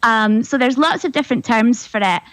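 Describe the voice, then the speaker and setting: A woman's voice: a little high, lively intonation, normal speed, dry recording, rough recording. A woman linguist on a radio discussion, explaining patiently and often checking in with "right?". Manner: explanatory, tag questions, laughs lightly. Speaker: linguist guest.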